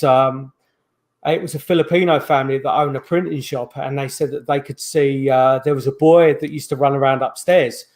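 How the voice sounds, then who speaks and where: A middle-aged man with a medium-pitched, slightly mellow voice appears as a guest paranormal investigator on a video call. His stories ramble, full of restarts and fillers, picked up by the video call microphone.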